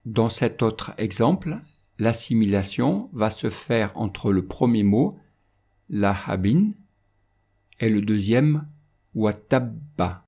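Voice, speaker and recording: A man teaching Quran recitation rules in a calm, measured instructional voice-over. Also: lowish voice.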